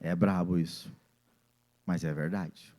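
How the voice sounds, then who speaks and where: A man's voice: sits low, steady tone, slow pace, a little mellow. A man, preaching a sermon as pastor and acting out family scenes in different voices.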